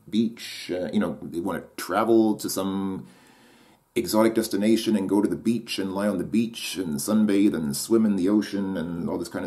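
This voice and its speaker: Alone at the mic, a man muses aloud in a deep, dark voice. His thoughts come haltingly, with restarted sentences and self-questioning.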